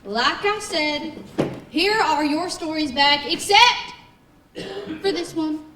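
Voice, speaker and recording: Young woman playing a sharp, dry-witted editor. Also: high voice, slow, exaggerated voice. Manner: crisp, dryly sardonic. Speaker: actor. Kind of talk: stage acting. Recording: roomy stage from far off, faint hiss.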